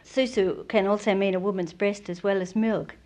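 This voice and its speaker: A woman's voice: mid-range voice, steady tone, normal speed, darkish tone. Woman telling an amused anecdote. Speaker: interviewee. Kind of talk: anecdote in interview.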